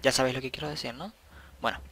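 A man's voice: mid-range voice, steady tone, rapid-fire, gravelly, bright, forceful tone, slight background noise. A young man, rambling casually to himself while commenting on his gameplay and swearing at the game now and then. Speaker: gaming channel host.

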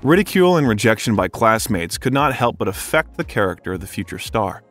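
A man narrating a scripted biography documentary, reading smoothly with a steady, even delivery. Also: on the low side, brisk.

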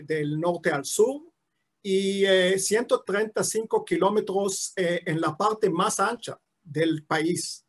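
Older Israeli-born man, 70s, online lecturer; slow and hesitant, lots of fillers, slightly high voice, video-call sound. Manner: halting, many drawn-out "eh" fillers and restarts. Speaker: guest lecturer. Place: at home in his city, video call. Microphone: video call mic.

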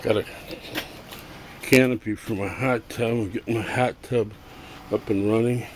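A middle-aged man with a lowish voice and fairly even intonation rambles through a show-and-tell of his toys and crafts, filming first-person on a handheld camera. The setting is his cluttered home workshop and garage. He pauses often and amuses himself, and the recording is noisy.

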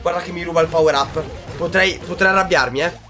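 A young man giving excitable, self-mocking commentary over his own gameplay, jumping from shouts to mutters. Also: fairly high pitch, quick pace, faint music behind. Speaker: gaming YouTuber.

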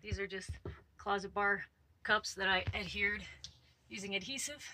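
A woman's voice: medium pitch, steady tone, normal speed, sharp tone, slight background noise. A woman in her thirties giving a casual, explanatory video tour inside a small RV trailer. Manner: informal, explanatory.

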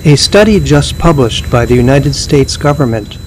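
A man reading a news item in a measured, steady voice. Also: medium pitch, slight background noise, poor audio.

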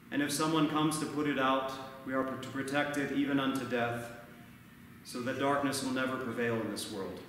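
A man in his thirties, a priest giving a measured, earnest sermon at a lectern, recorded from far off in a large church. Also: medium pitch, a bit bright, very echoey, in a large hall, slight background noise. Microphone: far camera, no mic seen.

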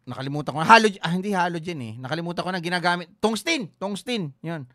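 A man's voice: high-pitched, expressive, fast, sharp tone. A man hosting a casual sports talk show, joking and teasing as he chats, mixing English into his talk.

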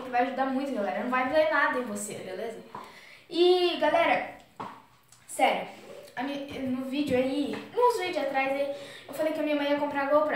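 Teen girl vlogger, high-ish voice, excitable and chatty, echoey room, off-mic. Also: far from the mic, a little hiss or hum. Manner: chatty, exclaims a lot, keeps saying "galera". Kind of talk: casual vlog, reading out messages.

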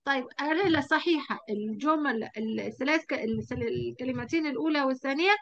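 A woman with an Egyptian Arabic accent, teaching a lesson at a whiteboard, quizzing her pupil and drawing out example words slowly. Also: high voice, dull audio, background noise.

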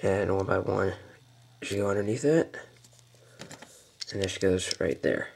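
A deep-voiced man who makes toy building tutorials sits at an indoor table, giving casual step-by-step instructions. He's relaxed but halting, full of fillers and mild mutters, with vocal fry in his voice and a little hiss or hum behind it.

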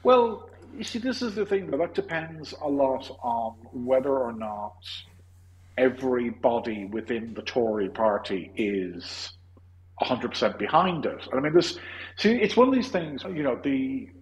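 A man's voice: mid-range voice, animated, unhurried, rough recording. An Irish man hosting a casual podcast discussion, opinionated and rambling, restarting his sentences often. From Ireland. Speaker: podcast host.

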